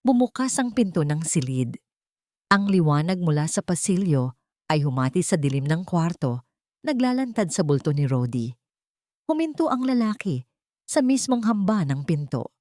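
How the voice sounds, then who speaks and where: A woman with a Filipino accent narrates a scripted, dramatic story, sounding very animated at a normal speed. Her voice is lowish and a little mellow, captured in a dry, studio-quality recording.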